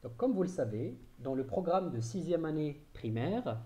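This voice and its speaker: A man teaching a recorded spelling lesson, dictating slowly and repeating words to stress them. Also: on the high side, big pitch swings, dark tone. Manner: slow dictation, stresses and repeats each word.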